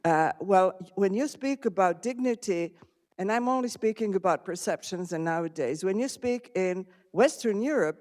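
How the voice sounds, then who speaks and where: A woman's voice: medium pitch, darkish tone. A woman from Serbia in the audience, politely commenting and asking a question of the panel. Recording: reverberant lecture hall.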